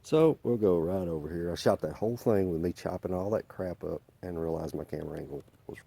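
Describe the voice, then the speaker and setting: Brief: man, deep and mellow, casual and self-deprecating, a bit winded, filmed outdoors on a camera mic. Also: fairly quick, gravelly, slightly rough. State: out of breath. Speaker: vlogger demonstrating blades.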